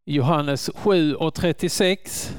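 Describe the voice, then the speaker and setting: A man preaching a sermon in an earnest manner, rising to loud calls when quoting. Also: a little high, clean tone, dry recording.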